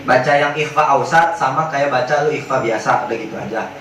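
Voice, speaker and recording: A man teaching Quran recitation rules in casual slang, joking with his class and chanting drawn-out examples. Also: medium pitch, fairly bright tone, a little hiss or hum. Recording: very echoey hall, mic at a distance.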